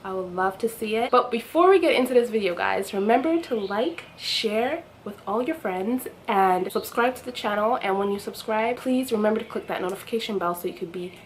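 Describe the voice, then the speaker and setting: A young adult woman with a Jamaican accent, chatting casually to her viewers in a vlog with lively asides. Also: medium pitch, fairly quick, hardly any pauses, a little hiss or hum. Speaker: vlogger. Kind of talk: casual chat to camera.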